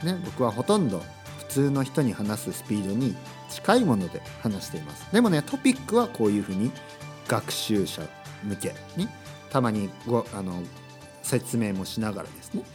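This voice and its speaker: A man's voice: fairly low pitch, wildly swooping pitch, moderate pace, darkish tone, faint music behind. A man hosting a casual solo podcast for learners. He thinks aloud and tags his sentences with little asides. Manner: thinks aloud, adds frequent tag words to sentences; acts out short sample dialogues in a livelier voice. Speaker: podcast host for Japanese learners.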